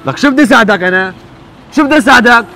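A man's voice: very high voice, lively intonation, fast talker, bright, forceful tone, slight background noise, exaggerated voice. A man playing an impatient grown son in a street drama, with a curt, dismissive way of talking. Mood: angry. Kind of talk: amateur street drama acting.

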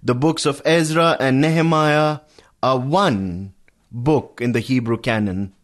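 A man teaching a verse-by-verse Bible study on the radio, calmly explaining and calling his listeners friends. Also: mid-range voice. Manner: addresses listeners as friends, measured teaching pace.

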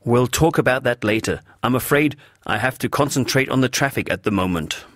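A man's voice: medium pitch, brisk, fairly bright tone, dry recording, studio quality, pitched above the performer's own voice, natural voice. A man playing a wry, genial detective. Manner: polite, wry, jovial. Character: polite, genial Scotland Yard detective, man.

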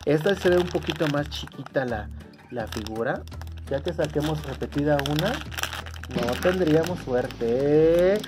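A man's voice: on the high side, a little slow. A man hosting a casual toy unboxing for viewers. He bursts into delighted exclamations and is fond of cute diminutives. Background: background music.

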